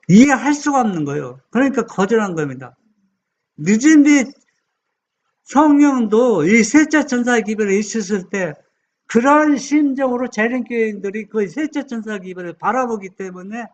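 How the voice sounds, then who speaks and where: High-voiced man preaching, muffled recording. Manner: asks the congregation questions, slow deliberate scripture reading. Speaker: pastor. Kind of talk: sermon. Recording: dull lo-fi sound.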